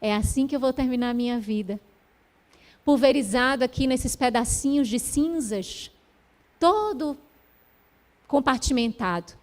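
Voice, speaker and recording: A woman voicing a humble male pine tree, musing quietly to himself in a spiritual story. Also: very high voice, a little slow, long pauses. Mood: resigned.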